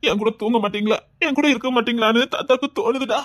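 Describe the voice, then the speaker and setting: A performer with a Tirunelveli accent playing a tender, doting old grandfather in a comedy skit, talking slowly and fondly. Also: medium pitch, fairly even intonation, a bit bright, dry recording, close to an everyday voice. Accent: Tirunelveli Tamil. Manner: slow, fond and pleading, breaking into sobs. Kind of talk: skit acting.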